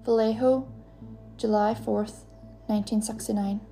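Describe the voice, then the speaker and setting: A woman giving a scripted true-crime narration as a podcast host, reading in a steady, even way. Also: a little high, unhurried, over music.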